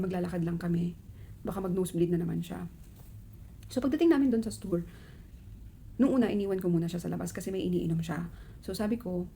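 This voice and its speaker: A woman in her thirties tells a personal story for her vlog. Her voice is mellow and dark-toned, and she slips between Tagalog and English, lifting her pitch when she quotes herself. A faint hum of room noise sits behind her. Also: vocal fry. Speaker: mother telling a personal story.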